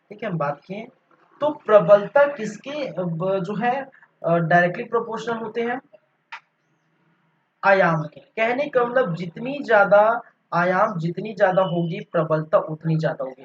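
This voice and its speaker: A man teaching an online physics class, who asks questions and answers them himself and keeps checking in with "theek hai". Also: high-pitched. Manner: explains by asking and answering his own questions, fills pauses with "theek hai". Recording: slightly dull recording with faint background noise.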